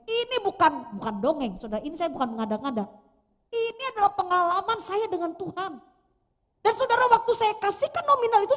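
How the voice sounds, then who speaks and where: Brief: woman pastor, lively sing-song sermon delivery, addresses the congregation head-on. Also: very high-pitched. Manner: animated storytelling, addresses congregation directly. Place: church. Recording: long church reverb.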